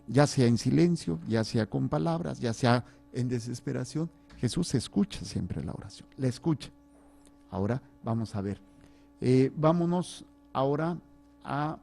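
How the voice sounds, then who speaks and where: A priest teaches scripture in a relaxed, conversational way, pausing to read passages aloud. His man's voice is warm and mellow, at an ordinary middle pitch. He mixes fillers and light asides to the people listening in with the readings. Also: vocal fry. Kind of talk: Bible study teaching.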